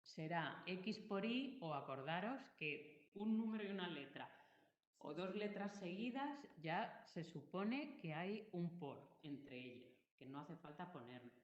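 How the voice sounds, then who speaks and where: A woman's voice: lowish voice, expressive, a little slow. A woman teaching a math class, explaining patiently step by step and checking that students follow. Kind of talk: classroom lesson. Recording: roomy, dull lo-fi recording.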